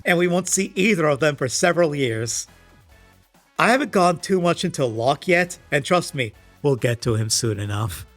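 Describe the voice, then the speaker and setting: Over background music, a video essayist hosting his show delivers scripted comedic commentary with sarcasm and exasperation, casually throwing in some swearing. His voice sits on the high side and sounds a bit bright.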